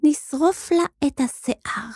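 A woman's voice: mid-range voice, mellow, no room sound, studio quality, lightly acted. A woman voicing a bossy little girl who shrieks indignantly in a children's story. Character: bossy shrill little girl at a market stall.

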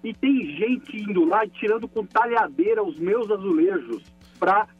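A man's voice: high-pitched, animated, moderate pace, slightly rough, dry recording, faint music behind. A man calling in over the phone, telling an indignant complaint with emphasis. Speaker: caller. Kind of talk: call-in complaint. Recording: muffled phone line.

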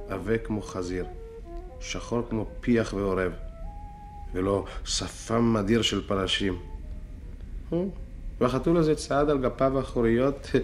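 A man's voice: lowish voice, natural voice. Guy doing a jumpy stammery young poet, all worked up, radio play. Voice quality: stammering, indignant. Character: excitable frightened young man, flustered. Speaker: agitated poet telling his story to a doctor. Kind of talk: radio drama acting.

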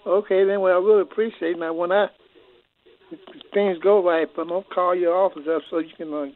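Radio show caller, male, high voice, rapid-fire, thin phone-line sound. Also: fairly even intonation. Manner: quick and friendly, loose grammar. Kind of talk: casual call-in chat.

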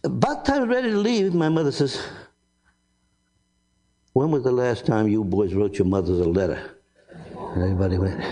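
A man in his nineties, an old war veteran remembering and telling his story, halting and repeating phrases as he goes. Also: mid-range voice, mellow. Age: 90s. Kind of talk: oral-history storytelling.

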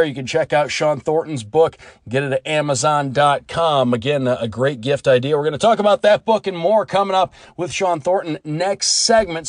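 A man's voice: on the high side, no echo, studio quality. A man hosting a sports radio show, presenting team news and reading promos.

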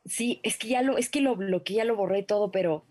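A woman, co-hosting an entertainment show and telling a story in an animated way, with frequent laughter. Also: medium pitch, brisk, no echo. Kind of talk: casual gossip chat.

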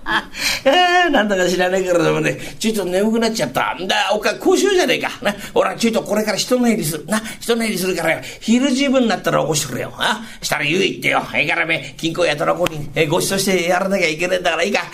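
A male rakugo storyteller playing a gruff, hard-drinking Edo fishmonger husband, with old speech. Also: sits high, big pitch swings, fast talker, a bit bright, exaggerated voice. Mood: tipsy, boastful. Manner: gruff, boisterous, blustering.

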